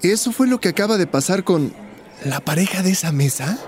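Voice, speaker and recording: A man voices Roberto in a teaching dialogue, speaking fairly quickly in a high, expressive voice. His Mexican Spanish accent comes through in his relaxed, conversational delivery.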